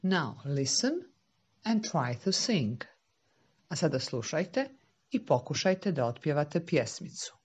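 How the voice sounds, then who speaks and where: Female teacher, native Serbo-Croatian, husky and slow, patient delivery as if reading to a toddler. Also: sits low, big pitch swings, darkish tone. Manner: patient step-by-step questions and repetition. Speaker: English teacher for young children. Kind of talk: slow, simple lesson for small children, like reading to a toddler.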